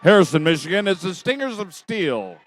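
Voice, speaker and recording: A man's voice: high-pitched, big pitch swings, moderate pace. A man working as a game announcer, giving emphatic, projected live team introductions at a competition. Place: indoor sports arena.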